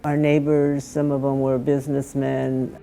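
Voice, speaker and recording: Elder from Los Angeles, gravelly, mellow, reflective, faint music. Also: mid-range voice, completely flat delivery, measured pace, rough recording. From Los Angeles, USA. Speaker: interviewee.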